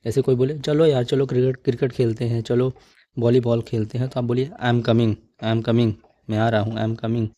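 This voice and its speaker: A male English teacher giving a spoken lesson, slowly repeating phrases for practice in an encouraging tone. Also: medium pitch, little pitch movement, mellow, no room sound. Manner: encouraging, coaxing tone.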